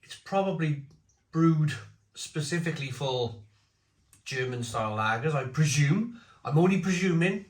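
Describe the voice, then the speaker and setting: A British man with a chesty cough gives a casual, halting review, often repeating phrases as he muses. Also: a little high, expressive. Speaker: beer reviewer. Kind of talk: casual spoken review to camera. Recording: echoey room.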